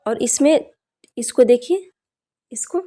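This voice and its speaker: Young woman teacher, slow careful exam prep lesson, keeps saying look closely, kinda high voice. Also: animated, mellow. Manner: slow, deliberate, repeats "dekhiye" often.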